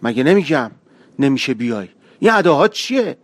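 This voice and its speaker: A rough, impatient young man who snaps and shouts, as a male storyteller voices him. His voice is pitched somewhat above the narrator's own, loud and harsh, in an audiobook story. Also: lively intonation, no echo. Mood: angry. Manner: harsh, scolding, slangy.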